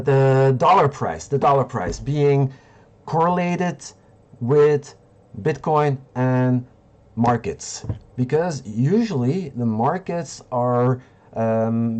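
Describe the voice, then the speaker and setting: Slow, halting Belgian man streaming. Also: mid-range voice, dark tone, dull audio. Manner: rambling, halting, many fillers and restarts. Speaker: livestream host. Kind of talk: live market analysis and chat.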